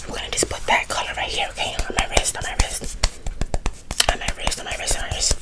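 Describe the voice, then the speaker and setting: A young woman doing an ASMR whispered role-play in a breathy whisper with wet mouth sounds, rapidly repeating words close to the mic in a room at home. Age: young adult. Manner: whispers with rapid repetition of words and trigger phrases. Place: small indoor room at home.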